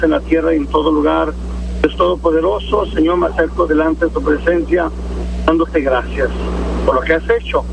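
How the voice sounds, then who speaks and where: Gravelly-voiced male radio preacher. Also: a little high. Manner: earnest, conversational, frequent filler "este". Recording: noisy radio broadcast.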